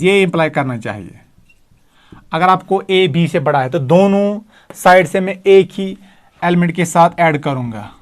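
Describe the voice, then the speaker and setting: Math lecturer, higher voice. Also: male voice. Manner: explains step by step, repeats key terms. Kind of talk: recorded video lecture.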